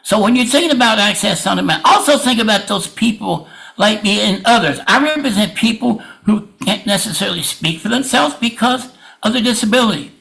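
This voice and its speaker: A man's voice: high-pitched, lively intonation, brisk, gravelly, pushed and bright, low-quality recording. A man making an impassioned public comment at a meeting, plain-spoken and emphatic, often repeating himself.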